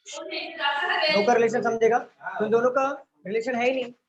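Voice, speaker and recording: Speaking a little slowly in an extremely high voice, a man leads a live online reasoning lecture. He breaks explanations into steps, quizzes students repeatedly, and drops English terms into Hindi. The stream's audio is dull and lo-fi, with faint noise.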